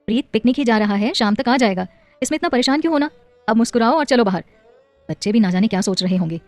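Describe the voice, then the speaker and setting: A woman reading a story aloud, voicing a loving husband and father who tries to calm his anxious wife. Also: fairly high pitch, fast talker, dry recording, faint music behind. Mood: soothing. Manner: soothing then urgent. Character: adult man, worried loving husband and father.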